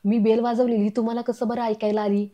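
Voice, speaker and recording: A woman voicing a sharp young man who keeps coaxing his relatives to see a doctor. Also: on the high side, little pitch movement, a little fast, close to an everyday voice. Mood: teasing. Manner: coaxing, insistent. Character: clever young man, persistent, teasing nephew.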